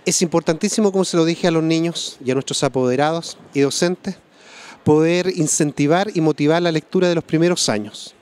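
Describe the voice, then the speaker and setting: A man giving a formal, somewhat halting interview statement as a school official. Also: fairly high pitch, darkish tone.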